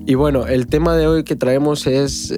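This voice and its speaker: A man's voice: mid-range voice, steady tone, moderate pace. A man hosting a casual podcast chat, talking with frequent restarts and fillers. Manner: hesitant, many restarts and fillers. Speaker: podcast host. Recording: music bed underneath.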